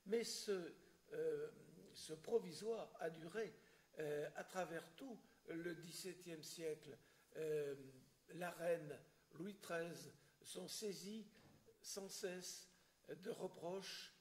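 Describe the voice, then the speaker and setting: A man giving a history lecture in French, hesitant and full of filler sounds and restarts, often clearing his throat. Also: a little high, extremely slow. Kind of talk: public lecture with questions.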